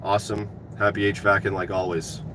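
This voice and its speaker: A low-voiced man in his thirties, a trade YouTuber, livestreams a giveaway in a casual way from inside a parked work truck cab. He talks fairly quickly with a level tone. His phone is held at arm's length, and the recording clearly picks up the noisy cab along with sounds from outside.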